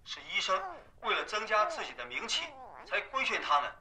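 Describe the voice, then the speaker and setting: An actor playing a cautious male lawyer in a TV drama, explaining a weak case in a measured way. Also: sits high, sing-song, crowd noise. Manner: measured, reasoning, soothing. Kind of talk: TV drama acting.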